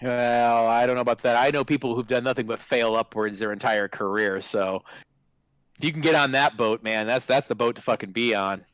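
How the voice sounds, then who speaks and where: A man in his forties, a guest on a stream interview, chatting in an excitable, casual way with lots of restarts and swearing. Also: medium pitch, fairly quick, clear, resonant tone, no room sound, poor audio. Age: 40s. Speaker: guest, former game product manager.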